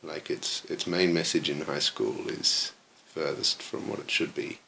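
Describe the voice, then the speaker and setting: A man's voice: extremely low pitch, steady tone, unhurried, gravelly, bright, forceful tone, a little hiss or hum. A young man at university chatting casually about his studies, dry and self-deprecating, often chuckling. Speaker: interviewee, university maths student. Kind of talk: casual conversation.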